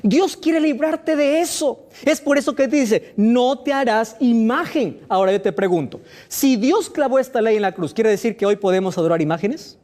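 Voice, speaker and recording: A man's voice: very high voice, normal speed, few pauses, darkish tone. A pastor preaching a sermon, firing rhetorical questions at his listeners with emphatic delivery.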